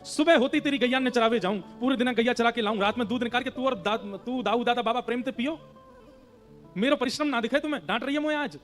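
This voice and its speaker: A sulky, mischievous little boy, as a male storyteller plays him pleads with his mother in a Braj accent. His voice rides high, over a faint instrument. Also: quick pace, fairly bright tone, soft background music. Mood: pleading.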